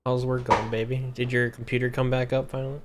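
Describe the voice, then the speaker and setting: A man's voice: mid-range voice, flat delivery, fast talker, a little hiss or hum. A man giving casual gameplay commentary as a let's play streamer, chatting and reading in-game text aloud.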